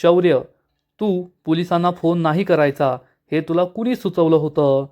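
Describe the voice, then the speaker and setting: A man's voice: a little high, normal speed, a little mellow, lo-fi sound, close to an everyday voice. A man reading the lines of a domineering mother-in-law who snaps and blames others. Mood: sharp. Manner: harsh, snapping. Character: sharp-tongued domineering middle-aged mother-in-law.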